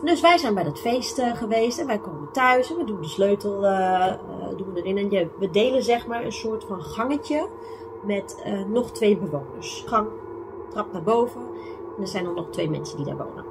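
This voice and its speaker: A young woman vlogger telling her own true ghost stories in a chatty way, full of fillers, sometimes dropping to a whisper and sometimes rising to excited shouts. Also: mid-range voice, normal speed, noisy background. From Netherlands. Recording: music playing underneath.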